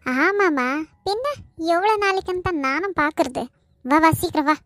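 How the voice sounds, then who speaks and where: A woman's voice: very high voice, normal speed, a bit bright, no room sound, studio quality. A woman voicing a scheming tattletale little girl in a cartoon, talking in a snide, gossiping way.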